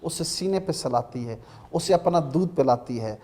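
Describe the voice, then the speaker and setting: A man with a Pakistani Urdu accent, a religious scholar giving an emphatic, sermon-like talk on a Ramadan TV program, reciting verses slowly. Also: a little high, animated, dark tone.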